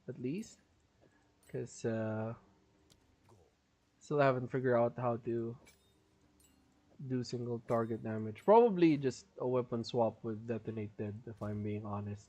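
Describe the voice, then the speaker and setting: Chatty and often laughing, a man gives live commentary on his game, walking through build details while straining his voice and stifling a cough. He talks a little slowly in a dark, mid-range voice, with frequent pauses.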